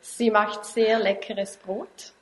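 A woman interpreting a sermon line by line, quick and plain with small restarts. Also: mid-range voice, level tone, reverberant, slight background noise, poor audio. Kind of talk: live sermon interpretation into German. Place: hall without audience.

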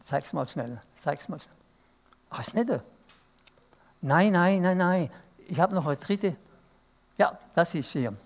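A man's voice: a little high, lively intonation, slow pace, long pauses. A male pastor preaching an interactive sermon and asking the congregation to answer aloud. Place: church service.

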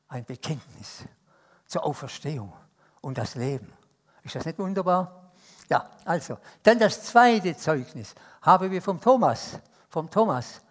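A Swiss man with a Swiss German accent preaching a sermon, telling stories that swing between loud emphasis and hushed asides. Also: on the high side. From Switzerland.

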